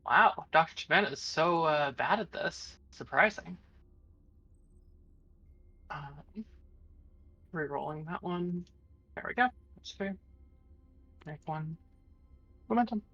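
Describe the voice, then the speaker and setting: A woman's voice: low voice, slow pace, pauses often, a bit bright, highs cut off. A woman playing in a tabletop role-playing game, muttering dry asides as she rolls her dice. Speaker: player.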